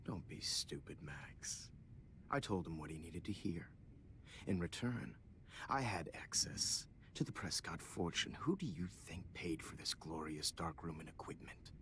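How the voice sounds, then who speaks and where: In dramatic video game voice acting, a male actor plays a middle-aged photography teacher who has become a killer. His low, expressive voice delivers a slow, condescending villain monologue, exaggerated and whispered, with phrases trailing off in breathy, hushed endings.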